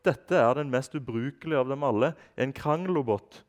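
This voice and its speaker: A man reading from a novel, voicing a stiff, solemn head butler with a flat, clipped, scolding manner. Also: mid-range voice, voice pushed up, lightly acted. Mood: curt, scolding.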